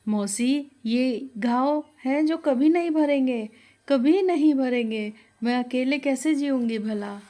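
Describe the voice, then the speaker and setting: A woman's voice: takes it slowly, mellow. A woman voicing a grieving, orphaned young woman who pleads through tears in a storybook tale. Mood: tearful pleading. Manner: high, crying, pleading.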